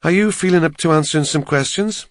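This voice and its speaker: A man reading an audiobook, voicing a composed female police detective who speaks in a measured, formal way. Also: on the high side, no room sound, studio quality, pitched above the performer's own voice, lightly acted. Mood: grave. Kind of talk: audiobook character voice.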